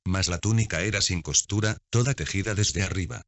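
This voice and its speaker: Low-voiced man reading scripture steadily. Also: brisk, no echo. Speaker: Bible reader. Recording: dull, dry lo-fi recording.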